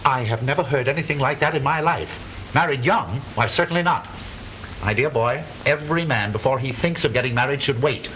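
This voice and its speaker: An actor playing a blustering, easily flustered middle-aged father in stagey 1920s comedy film style, halting and repeating himself. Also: medium pitch, a bit bright, lightly acted, poor audio. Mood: blustering, stern. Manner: stagey old movie actor delivery, blustering, halting repetitions. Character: blustering, lonesome widowed father, flustered businessman. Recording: hissy 1920s film soundtrack.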